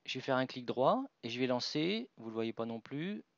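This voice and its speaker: A man narrates a software tutorial at his computer, describing each click as he makes it and restarting his sentences now and then. The sound is dry and somewhat dull, with mouse clicks in the background. His voice sits at an ordinary middle pitch. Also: sing-song, normal speed, dry recording. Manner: talks through each click, with fillers and restarts. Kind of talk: screen-recorded software tutorial.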